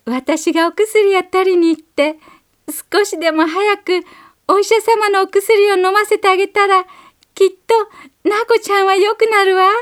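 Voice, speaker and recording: A woman's voice: fairly even intonation, unhurried. A woman voicing a brave four-year-old girl in a read-aloud storybook, earnest and childlike. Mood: determined. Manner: high, earnest, childlike pleading.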